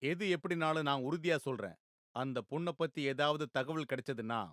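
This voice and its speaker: Man doing a snappy bossy police chief, slightly high voice, scolds everyone. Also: brisk, fairly bright tone, dry recording, clean studio sound, natural voice. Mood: stern. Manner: curt, scolding, impatient. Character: stern impatient male police superintendent. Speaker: superintendent of police.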